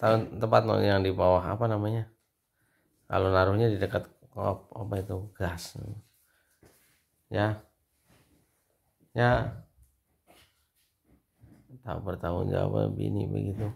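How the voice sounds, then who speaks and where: A man's voice: on the low side, little pitch movement, slow, vocal fry, long pauses. A man with a Javanese-Indonesian accent, teasing his wife in a casual home video before turning coaxing and apologetic. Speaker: husband filming a family prank video. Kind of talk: teasing casual family banter.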